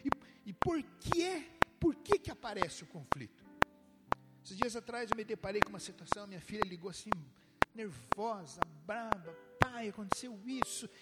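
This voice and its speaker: Animated preacher over loud church music. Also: male voice, moderate pace. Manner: animated preaching, swooping from low to high. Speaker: pastor. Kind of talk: sermon.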